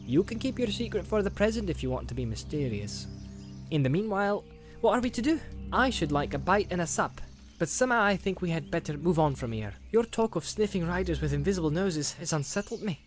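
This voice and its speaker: A lively, cheeky young male hobbit from a storybook , voiced by a man reading aloud. His voice sits well above the reader's own, light and teasing. Faint music hums beneath. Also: high-pitched, brisk, voice pushed up.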